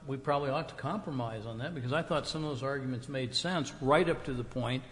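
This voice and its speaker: Man, board member in a meeting, deliberate, pointed questions, long reverb, faint noise. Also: medium pitch, a bit bright. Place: meeting room.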